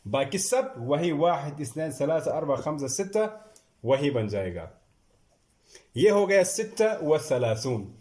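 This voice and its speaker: A man teaching a classroom lecture, drilling numbers slowly and stressing each one as he repeats it. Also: a little high, lively intonation, a little mellow. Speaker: Arabic teacher. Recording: echoey room.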